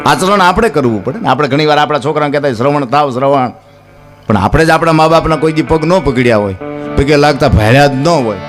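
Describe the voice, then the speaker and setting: Animated storyteller man, music behind. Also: fairly high pitch, fast. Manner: animated, acts out characters, addresses listeners as "sir". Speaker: folk storyteller and comedian. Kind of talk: Gujarati dayro storytelling to a live audience. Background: plucked string music.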